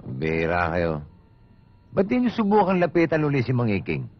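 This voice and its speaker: A young guy with a lively, swinging voice, teasing, dull film sound. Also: mid-range voice, moderate pace, a little hiss or hum. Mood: calm. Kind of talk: comedic film acting.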